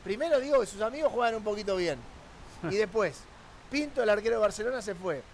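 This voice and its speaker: A man's voice: sits high, expressive, fast, a little hiss or hum. A man with an Argentine accent, a sports journalist arguing his point on a football talk panel with rhetorical questions.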